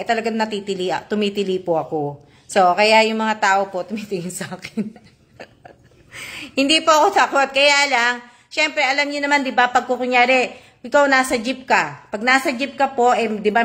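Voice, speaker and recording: A woman from the Philippines chatting on a live stream, reading viewer comments aloud in a polite, chatty way full of fillers and tag questions. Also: medium pitch.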